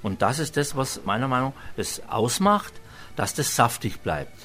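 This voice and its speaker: Big pitch swings and a sharp tone mark this man's mid-range voice, which moves at a moderate pace. A restaurant chef from Franconia, Germany, he rambles homely through a cooking demonstration with a Franconian German accent and plenty of hesitations.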